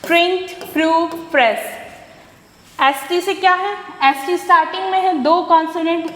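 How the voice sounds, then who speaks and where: A woman teaching an English class, reading each rule slowly, then asking the class questions and answering them herself. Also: very high voice, fairly bright tone. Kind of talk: online class lecture. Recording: echoey room with long reverb.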